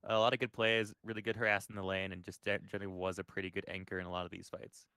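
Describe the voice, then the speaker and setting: A man's voice: deep voice, level tone, sharp tone, clean tone, no echo. A man casting a live esports match, calling plays and breaking down fights. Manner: quick play-by-play, analytical. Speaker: esports caster.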